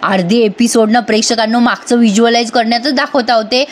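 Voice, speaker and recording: Chatty high-voiced woman retelling a serial. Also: fast talker. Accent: Marathi. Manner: chatty, retells dialogue with lively character voices; addresses viewers directly, teasing asides. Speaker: serial episode narrator. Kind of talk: voice-over episode recap.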